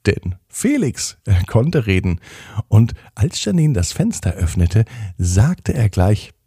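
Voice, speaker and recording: A man reads a children's story aloud, his voice swinging widely in pitch as he tells it. His tone is mellow and a little husky. The sound is close and dry. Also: slow, no echo. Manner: gentle, expressive storytelling with playful pitch swings.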